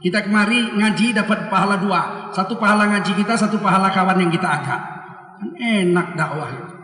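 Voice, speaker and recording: Male preacher, lively sermon delivery with acted-out exchanges; bright tone, distant echoey hall recording. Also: high voice, brisk. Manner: animated, acts out dialogues.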